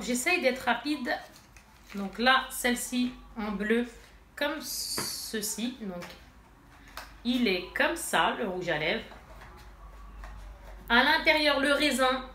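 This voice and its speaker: This fairly high, slightly bright voice belongs to a beauty vlogger whose allergies have stuffed up her nose. She talks casually and directly to viewers, with many fillers, while showing and swatching makeup. The room is echoey and there is faint noise.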